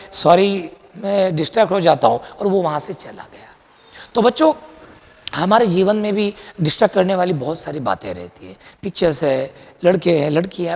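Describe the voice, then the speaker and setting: High-voiced chatty chemistry teacher. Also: male voice, creaky, big-room sound. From India. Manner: lively, chatty, mixes Hindi with English terms, quizzes students. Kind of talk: classroom lecture.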